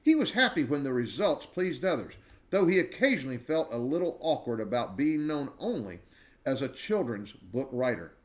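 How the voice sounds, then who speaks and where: A man in his sixties reads a children's biography aloud like a storyteller, measured and expressive with dramatic pauses. His voice is mid-range.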